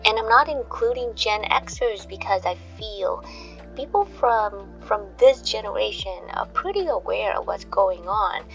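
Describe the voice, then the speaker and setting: Woman doing soothing sleep story narration, bit of vocal fry, muffled lo-fi sound w faint music. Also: mid-range voice, a little slow. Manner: soothing, calming, addresses listeners gently. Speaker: host of a sleep podcast.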